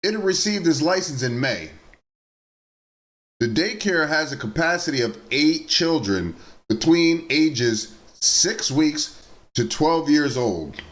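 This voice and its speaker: A man with a fairly high voice that rises and falls a lot reads the news to his audience like family. He keeps slipping out of the report into plain, blunt remarks of his own. The tone stays informal and talky. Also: animated, takes it slowly, fairly bright tone. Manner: informal, addresses viewers as nieces and nephews; reads the reports, then adds blunt personal asides. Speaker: news commentary vlogger. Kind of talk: reading news stories aloud and commenting.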